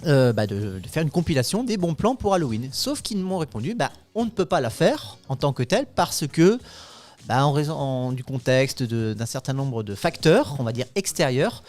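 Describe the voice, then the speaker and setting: A man's voice: mid-range voice, moderate pace, soft background music. A man hosting a radio show in a studio, chatting casually with many fillers. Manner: lively, chatty, hesitant fillers. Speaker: radio host.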